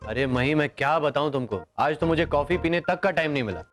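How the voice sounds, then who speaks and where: An actor playing Sagar, a sheepish young husband in a TV serial. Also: male voice, on the high side, a little fast, music in the background, natural voice. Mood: eager. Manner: sheepish, excited about football. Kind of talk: TV serial acting.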